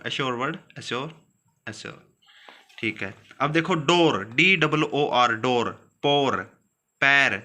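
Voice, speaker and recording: A man teaching a steno class, explaining rules step by step and repeating words slowly. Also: a little high, sharp tone.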